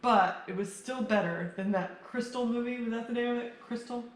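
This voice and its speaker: A woman's voice: a little high, normal speed. A tipsy woman getting drunker as she banters about films, blunt and sweary, muddling her words and arguing casually. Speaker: co-host of a movie review show. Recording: roomy, distant mic with background noise.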